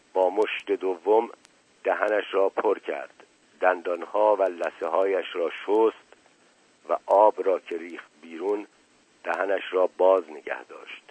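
Low husky guy reading a story on old radio, dry muffled sound. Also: no echo. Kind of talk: scripted radio story narration. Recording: dull lo-fi radio recording.

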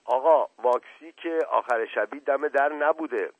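A rambling, earnest old manservant, as a man reads him aloud talks in a raised, loud voice. The sound is tinny and dry, like an old radio broadcast. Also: mid-range voice, dry recording, voice pushed up, close to an everyday voice. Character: simple chatty old male servant.

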